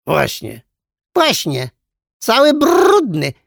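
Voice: mid-range voice, huge pitch swings, very slow, creaky, dry recording, studio quality, pitched above the performer's own voice, heavily acted. A storyteller voicing a toy parrot that squawks and repeats whatever others say, in a children's storybook reading. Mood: squawky.

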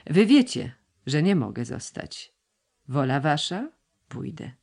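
A man's voice: fairly high pitch, sing-song, takes it slowly, creaky, a little mellow, heavily acted. Man reading earnest young man, serious, restrained, dutiful, audiobook. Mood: resolute.

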